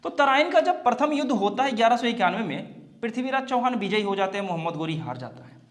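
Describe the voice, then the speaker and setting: Male exam-prep teacher, high and animated voice, lecturing and quizzing his own points. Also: quick pace. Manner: explanatory, poses questions then answers them. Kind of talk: classroom lecture.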